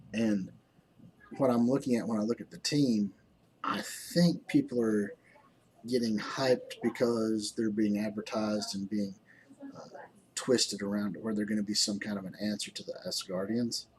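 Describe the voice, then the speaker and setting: A man's voice: fairly low pitch, a little hiss or hum. A man giving casual game commentary as a gaming YouTuber, rambling and hesitant with many ums, sounding tired. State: tired, yawning.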